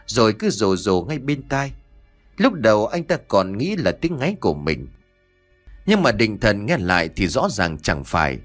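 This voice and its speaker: A man narrating a spooky story in an expressive, animated storytelling manner. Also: mid-range voice. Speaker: audiobook narrator.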